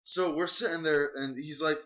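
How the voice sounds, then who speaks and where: A man with a slightly high voice rambling through a story on a casual podcast, full of likes and asides. The sound is dull and lo-fi. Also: steady tone, moderate pace, sharp tone. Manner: chatty, rambling retelling with many likes.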